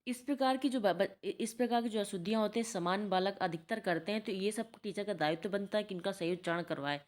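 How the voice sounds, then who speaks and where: A woman's voice: medium pitch, fast, a little mellow. A woman tutor giving a spoken lecture from notes, who keeps posing questions and answering them herself. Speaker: teacher-training tutor.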